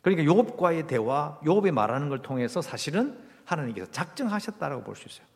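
A man's voice: a little high, very animated, fast, creaky. A male pastor preaching a Sunday sermon, emphatic and firing rhetorical questions at the congregation. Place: church sanctuary. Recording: long reverb of a church hall.

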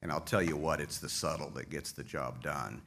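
A man's voice: a bass voice, normal speed, gravelly, a bit bright, slight background noise. A man leading an association, giving a conference speech with folksy humor, openly emotional as he thanks his staff. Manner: folksy, self-deprecating humor. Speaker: association leader addressing members. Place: conference hall stage.

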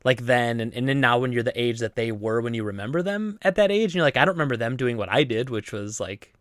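A man's voice: medium pitch, quick pace, no room sound, clean studio sound. A man in his late thirties, co-hosting a podcast in casual chat, rambling with many fillers and restarts. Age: 30s. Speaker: podcast co-host.

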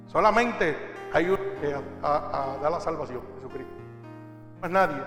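A man's voice: fairly high pitch, animated, moderate pace, faint music behind. Fiery man preaching in an echoey church. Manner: fiery preaching, rising loud on exhortations. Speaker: pastor. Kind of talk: sermon. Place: church hall.

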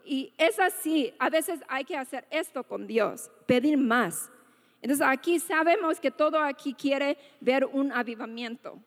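A woman's voice: high-pitched, animated, a little slow. A woman giving an earnest testimony sermon at church, talking conversationally and often tagging her sentences with little questions. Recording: long reverb of a large hall.

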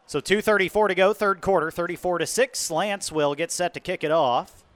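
Casting: male American football announcer, forceful bright tone, higher-set voice, live commentary. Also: moderate pace, dry recording.

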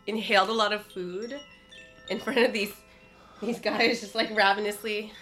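A woman meditation teacher hosting a casual podcast, explaining things in an informal, animated way. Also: mid-range voice, normal speed, faint music behind.

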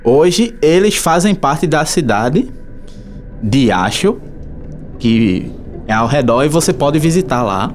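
A man with a Brazilian accent hosting a casual talk show, informal and halting, repeating his words. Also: a little high, very animated. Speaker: radio show host. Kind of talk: casual hosted talk about travel places. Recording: music playing behind the voice. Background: instrumental music.

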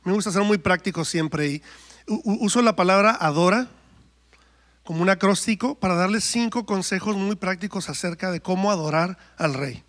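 Guy preaching in church, highish voice, storytelling, does the voices of people he quotes. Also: normal speed, a bit bright. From Mexico. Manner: storytelling, acts out quoted dialogue. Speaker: worship singer preaching. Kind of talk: testimony and sermon.

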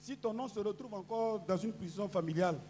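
A man preaching as pastor, leading a congregation in call-and-response prayer, switching between quiet instructions and shouted declarations. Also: high-pitched, fairly quick, a little hiss or hum. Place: church service. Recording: loud worship music underneath.

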